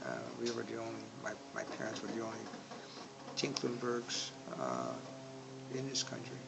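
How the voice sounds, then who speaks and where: A man in his sixties from Indonesia, speaking slowly in an oral history interview, with frequent pauses and filler words. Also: mid-range voice, big pitch swings, creaky. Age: 60s. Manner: slow, hesitant, many filler words. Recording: audible background noise.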